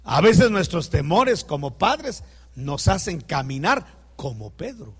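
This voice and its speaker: High-voiced male preacher in a reverberant hall. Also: big pitch swings, takes it slowly, slightly rough. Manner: addresses the congregation directly, tells anecdotes with quoted dialogue. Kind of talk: sermon.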